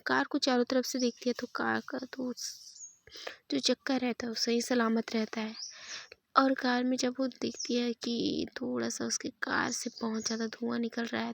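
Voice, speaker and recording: A woman's voice: on the high side, vocal fry, no echo. A woman casually retelling a love story episode in a chatty, self-correcting way.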